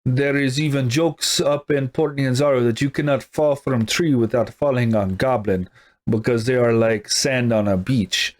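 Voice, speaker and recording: A man's voice: medium pitch, steady tone, normal speed, natural voice. A man voicing a wary jungle guide who talks in broken, clipped sentences. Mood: serious.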